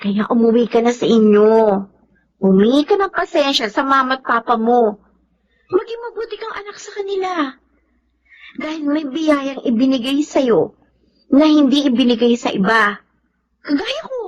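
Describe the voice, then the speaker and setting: An earnest young woman gently urges her older brother in an old radio play. Her voice is high. The recording sounds dull and lo-fi. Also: sing-song, normal speed, long pauses.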